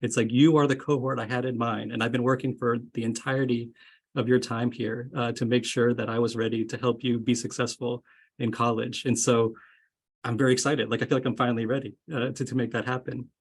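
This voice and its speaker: A brisk, level, mid-range voice with a breathy edge belongs to a man in his thirties who works as an associate dean. He talks casually to incoming students in a video-call webinar, friendly and rambling with plenty of fillers. Raised moving around, largely in Florida, he's speaking from an indoor home or office setting.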